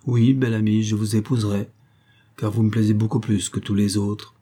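A man's voice: lowish voice, level tone, brisk, warm tone, natural voice. A man voicing a sincere young woman.

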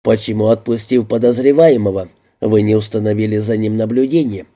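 A man's voice: on the low side, fairly even intonation, a little fast, dark tone, natural voice. A man reading a stern police chief. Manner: cold interrogating questions. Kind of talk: audiobook character reading.

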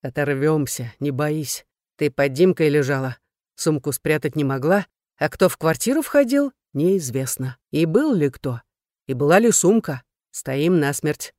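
Reader playing a brash young woman friend, scolding, loud, dark tone. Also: deep voice, expressive, a little slow, no room sound, studio quality. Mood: scheming.

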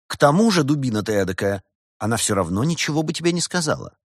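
A brash young man needling his friend, as a narrator acts him out, raised in pitch and swagger. The delivery is mocking and sure of itself, with a lively lilt. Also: fast talker, no room sound, clean studio sound. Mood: teasing. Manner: cocky, mocking.

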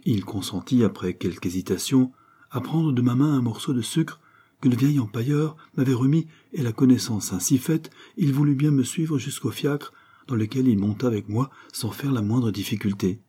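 Dark, husky male audiobook narrator. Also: medium pitch. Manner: measured, descriptive storytelling. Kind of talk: scripted literary narration.

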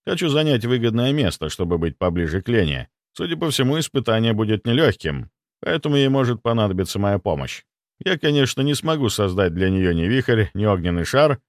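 A man reading an audiobook as narrator in an expressive storytelling manner. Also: mid-range voice, no room sound, clean studio sound.

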